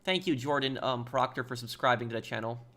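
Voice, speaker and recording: A man casually commentating on a game he is livestreaming and chatting with viewers, halting and repeating words as he goes. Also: mid-range voice, pushed and bright. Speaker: livestreamer playing a video game. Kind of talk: casual game stream commentary, reading and answering chat.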